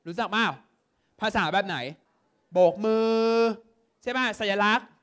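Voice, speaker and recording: A young man from Thailand leads an exam-prep lesson, his voice sitting high for a man. He talks in a lively way and keeps pausing to ask students whether they follow. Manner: lively, constantly checks understanding with quick questions. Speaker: tutor.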